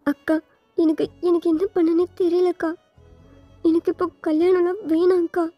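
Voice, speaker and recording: A tearful young woman stammers and pleads, as a woman reader puts her on. Her voice sits high and soft-toned, with faint music behind it. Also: brisk, no echo, lightly acted. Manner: stammering, close to tears. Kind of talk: storybook fan fiction reading.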